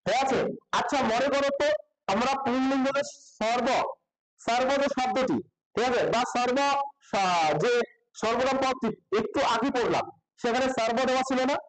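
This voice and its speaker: A man's voice: extremely high pitch, normal speed, rough recording. A man teaching a grammar lesson to a class in style speech, constantly asking questions and repeating the answers.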